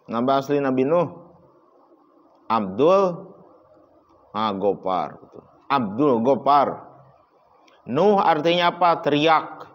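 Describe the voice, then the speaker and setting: Male kitab teacher, storytelling preacher, slightly high voice, dull lo-fi recording. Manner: storytelling preacher, acts out dialogue, swings between loud and hushed asides. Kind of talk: religious study lecture.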